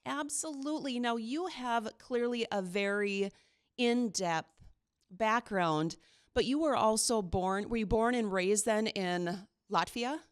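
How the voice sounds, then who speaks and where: A woman's voice: fairly high pitch, slow pace, clean tone, no room sound. Woman host, upbeat and eager, dry close sound. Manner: upbeat, enthusiastic. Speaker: podcast host. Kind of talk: casual interview chat.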